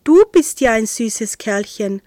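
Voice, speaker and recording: Woman doing a doting cheerful lady, storybook figure, bright and fond, dry close sound. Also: a little high, animated, slow pace, dry recording.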